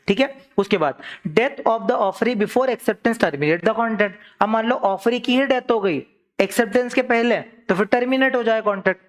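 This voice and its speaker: A young man teaching a law revision lesson in a chatty classroom style, talking straight to his students with everyday examples and slowing down to read legal terms. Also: high voice.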